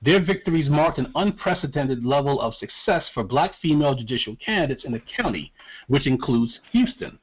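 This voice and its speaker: A man from Long Island co-hosting a casual podcast, talking in a measured, deliberate way and reading news excerpts aloud. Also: medium pitch, sing-song, slightly rough. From Long Island, New York. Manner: measured and deliberate, pausing to restart thoughts. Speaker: podcast co-host. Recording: dull lo-fi podcast audio.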